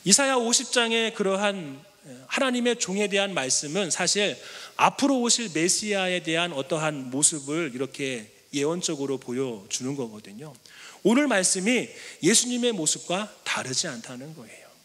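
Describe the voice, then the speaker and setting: A male pastor delivers a Sunday sermon in a noticeably high voice, preaching with animated swings and acting out voices in his story. His words ring out with a long hall reverb in a church sanctuary. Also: normal speed. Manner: animated preaching, acting out crowd cries and Jesus' imagined words.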